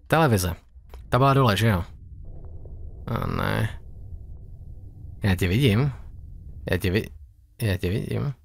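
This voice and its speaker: With a low voice and some vocal fry, a young man narrates his horror game playthrough to himself, nervous and cracking jokes the whole way in a let's-play style.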